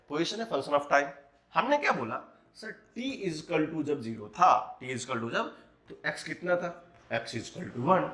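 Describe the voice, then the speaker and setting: Lively man teaching physics. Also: a little high. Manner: mixes Hindi and English, asks rhetorical questions. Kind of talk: classroom lecture. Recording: roomy echo.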